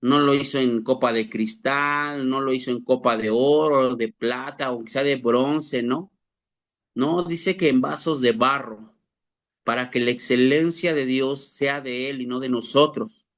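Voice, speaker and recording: A man preaches to his class at a middle, ordinary pitch. He talks earnestly, pressing his listeners with rhetorical questions. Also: fairly even intonation, unhurried, fairly bright tone. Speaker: pastor teaching a class. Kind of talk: sermon.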